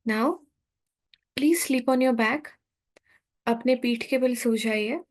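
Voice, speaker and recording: Speaking at a fairly high pitch, a woman with an Indian accent leads a sleep meditation. Her tone is soothing and calm, her pace unhurried, with long gaps between instructions.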